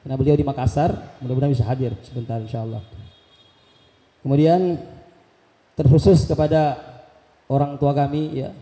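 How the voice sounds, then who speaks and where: A man leading an Islamic boarding school gives a ceremonial welcome speech in a mosque, fervently leading takbir chants and retelling conversations with animated energy. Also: medium pitch, a little fast, pauses often. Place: large mosque hall. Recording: echoey PA sound in a big hall.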